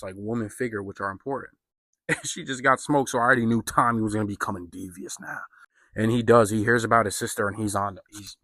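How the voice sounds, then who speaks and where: A man's voice: lowish voice, sharp tone, no room sound, studio quality. A man giving a casual spoken film review, loose and profane, full of fillers and slang. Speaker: movie reviewer.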